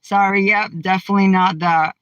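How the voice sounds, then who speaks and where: A woman's voice: mid-range voice, fairly even intonation, a little fast, fairly bright tone, lo-fi sound, a little hiss or hum. A woman from Massachusetts hosting a casual livestream, bluntly firing back at viewers' comments from her car. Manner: brash, outspoken, trash-talking. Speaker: livestream host. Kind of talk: casual live chat reading comments.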